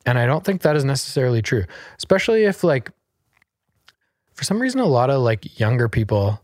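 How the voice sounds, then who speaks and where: A man's voice: medium pitch, sing-song, a little fast, darkish tone, no room sound, studio quality. A man in his thirties hosting a podcast, talking in a brash, emphatic and teasing way. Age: 30s. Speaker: podcast host. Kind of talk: casual podcast chat.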